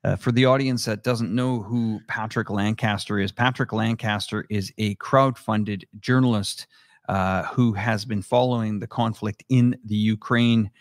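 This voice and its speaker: Man, interviewer, casual talk, hesitant, lots of fillers, low pitch, dry recording. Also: steady tone, measured pace, no room sound. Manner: hesitant, many filler sounds.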